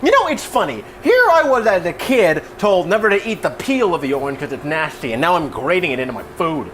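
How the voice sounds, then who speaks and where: A man's voice: fairly high pitch, very animated, a little fast, fairly bright tone, slight background noise. A man hosting a casual cooking tutorial in an offhand, self-deprecating, rambling way with trailing asides. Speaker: cooking show host.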